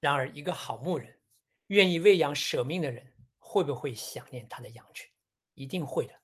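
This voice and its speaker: A preacher giving a sermon on a Bible passage in a measured, teaching tone, often posing rhetorical questions. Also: medium pitch, expressive, husky.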